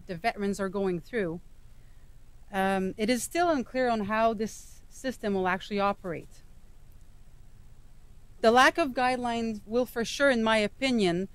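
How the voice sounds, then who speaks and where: A woman's voice: medium pitch, no echo. A woman with a Quebec French accent delivering an earnest, emphatic prepared speech as a veteran's wife and advocate.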